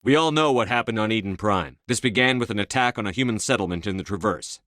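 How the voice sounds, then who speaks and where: An actor voicing a resolute, stern starship commander in a video game, with a firm, controlled, commanding delivery. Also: male voice, on the low side, fast talker, a bit bright, close to an everyday voice.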